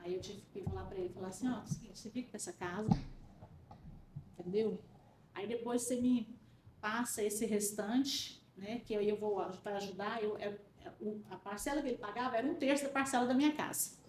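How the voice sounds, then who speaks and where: A woman from central Brazil telling a personal faith story in a casual chat, lively and acting out the voices of the people in it. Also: mid-range voice, brisk. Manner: animated storyteller, acts out quoted voices. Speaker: guest. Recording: roomy sound, faint background hiss.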